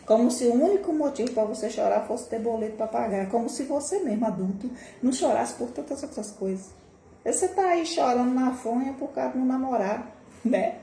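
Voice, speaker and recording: A woman's voice: expressive, brisk, vocal fry. Emphatic Brazilian woman, echoey room. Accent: Brazilian Portuguese. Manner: emphatic, rhetorical questions, mimics scolding adults with sharp pitch jumps. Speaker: early childhood educator hosting a live stream. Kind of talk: impassioned live-stream talk. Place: home room, recorded for a social media live. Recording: echoey room with faint background noise.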